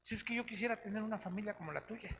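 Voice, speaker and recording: A pastor runs a chatty Bible study in a church meeting hall, his high, creaky, fairly bright voice racing very fast. He tacks "¿no?" and "¿sí?" onto his lines to engage listeners, and the recording is echoey with faint noise.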